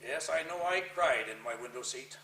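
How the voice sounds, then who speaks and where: A man with a folksy cowboy twang reciting rhyming verse as a theatrical storyteller, with drawn-out emphasis and dramatic pauses. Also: mid-range voice, bright, forceful tone, a little hiss or hum. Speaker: cowboy poet reciting a narrative poem. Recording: roomy echo, distant microphone.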